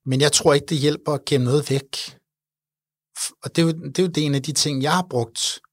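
A man's voice: a little high, dry recording. Earnest man in a dry studio. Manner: earnest, animated storyteller. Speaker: charity event organizer. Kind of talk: interview conversation.

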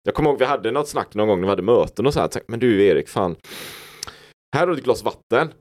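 A man's voice: fairly low pitch, animated. A man hosting a podcast, telling stories and musing in a rambling, reflective way. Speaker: podcast host. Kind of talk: casual podcast conversation.

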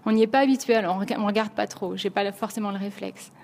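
A woman's voice: mid-range voice, steady tone, racing, gravelly, a little mellow, long reverb tail. A French woman talking casually in an interview, with many fillers and restarts as she works out her thoughts. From France. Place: New York.

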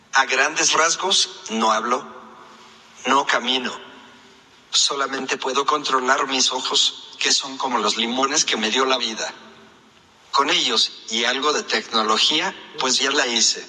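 A man's voice: mid-range voice, unhurried, bright, forceful tone. A male synthesized voice like an old speech synthesizer, giving a prepared statement in a stiff, evenly phrased way. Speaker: speaker addressing a press conference. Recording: echoing hall, radio-like playback.

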